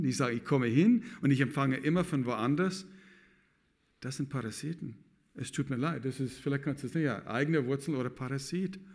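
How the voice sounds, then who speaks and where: A middle-aged pastor preaching a sermon, talking with loose, broken grammar and turning to the congregation with questions. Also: male voice, medium pitch. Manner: lively, addresses the congregation with questions.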